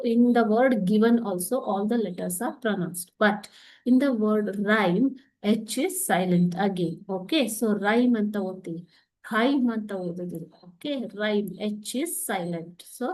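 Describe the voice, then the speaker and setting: A woman teacher with a Kannada accent and Kannada as her first language, explaining a lesson clearly and patiently, stressing words one at a time. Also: mid-range voice, a little mellow.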